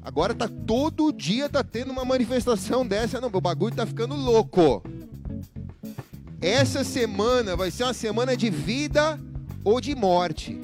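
A man's voice: very high voice, animated, moderate pace. A man preaching as pastor in a church, telling a funny story and joking with his congregation in a livestreamed sermon. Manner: joking, chatty, asks the congregation questions. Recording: guitar music playing underneath. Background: guitar music.

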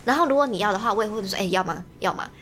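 A young woman, chatting on a podcast in an animated, ranting way and laughing often. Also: medium pitch, rapid-fire, a little hiss or hum. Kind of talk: casual chat.

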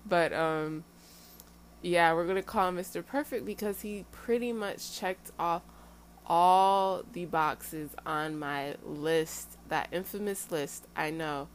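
A woman's voice: on the low side, slow pace, slight background noise. A young adult woman talking candidly to her viewers, chatty and emphatic, with laughing asides. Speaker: vlogger sharing dating lessons. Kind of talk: casual personal talk to camera.

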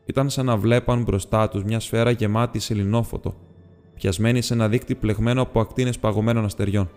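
A man narrating an audiobook in a steady, measured reading voice. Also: fairly low pitch, clear, resonant tone. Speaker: audiobook reader. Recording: long reverb with faint music.

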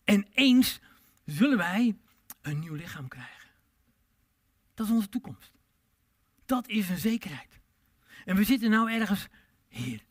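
A man preaches with passion. He swings from loud, emphatic calls to hushed, low asides, and he draws out his words slowly when he quotes scripture. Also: sing-song. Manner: drawn-out pleading delivery when quoting scripture. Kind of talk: sermon.

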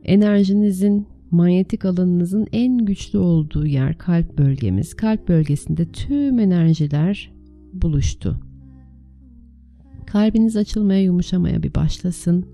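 A woman with a very dark, soft-edged voice and a creaky grain leads a guided meditation. She gives gentle, soothing instructions in short, unhurried phrases, with music playing behind her. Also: fairly low pitch. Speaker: meditation teacher leading a guided meditation.

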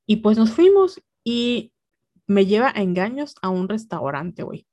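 A woman's voice: medium pitch, big pitch swings, unhurried, warm tone, no room sound. A young woman with a Mexican accent, telling a personal story in casual podcast chat, full of slang and quoted dialogue. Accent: Mexican Spanish.

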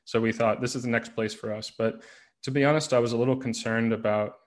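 A man from the United States, a podcast guest, telling his story in a relaxed, rambling way. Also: mid-range voice, fast. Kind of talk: casual interview conversation.

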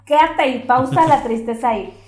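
A Mexican woman therapist explaining things in lively conversation, acting out quoted voices with many fillers. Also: high-pitched, brisk. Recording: roomy, distant mic.

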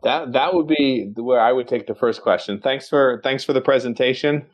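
A man's voice: mid-range voice, normal speed. A man speaking as an investor on a panel, asking questions conversationally and thinking aloud.

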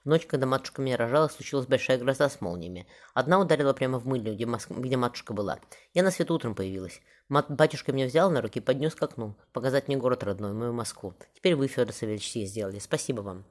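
A man reading the part of a warm, spirited young noblewoman in an audiobook, in a tender, lightly raised voice. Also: mid-range voice, animated, fast talker, lightly acted.

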